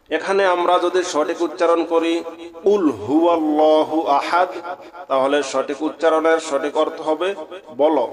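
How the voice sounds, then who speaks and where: A man giving a religious pronunciation lesson, earnestly spelling out letters one by one and chanting the verses in slow, drawn-out recitation. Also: fairly high pitch. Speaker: Quran recitation teacher.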